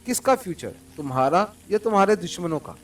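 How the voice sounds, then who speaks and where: A man reading an audiobook, voicing a calm, coldly commanding male secret agent, recorded from a distance over faint music. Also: high-pitched, a little fast. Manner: calm and cold, mocking laughter.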